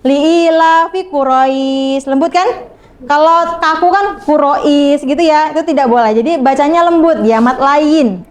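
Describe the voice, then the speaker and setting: A young woman teaching a class, speaking slowly and patiently and checking often that the students follow. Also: high-pitched. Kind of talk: classroom lesson.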